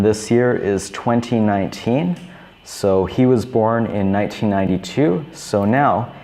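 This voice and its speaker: Slow, low-voiced man teaching beginners. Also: darkish tone. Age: 30s. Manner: repeats each phrase simply and clearly. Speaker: English teacher.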